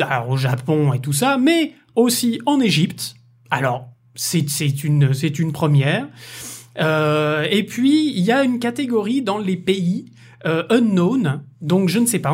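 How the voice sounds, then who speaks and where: A man hosting a casual podcast interview, chatty and jokey, full of fillers. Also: high voice. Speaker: podcast host.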